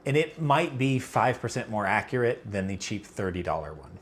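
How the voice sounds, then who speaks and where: A man with a fairly low voice chats through a casual livestream, circling his points with fillers and restarts. He is battling allergies as he talks. A faint hum of room noise sits behind him. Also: sing-song, moderate pace. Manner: rambling, filler-heavy, self-correcting. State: allergies, about to sneeze. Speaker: livestream host answering chat.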